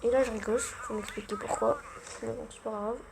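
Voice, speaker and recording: Gravelly young woman narrating gameplay. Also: a little high, steady tone, a little fast, noisy background. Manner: chatty, self-mocking, gamer slang. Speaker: gaming channel host. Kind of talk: casual gameplay commentary.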